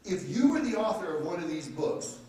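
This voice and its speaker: Man, seminar speaker, brash and salesy, fairly high voice, heavy room echo, distant from the mic, faint room noise. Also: big pitch swings, fairly quick, warm tone. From Texas. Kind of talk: live seminar talk. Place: conference room with audience. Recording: roomy, distant live hall sound.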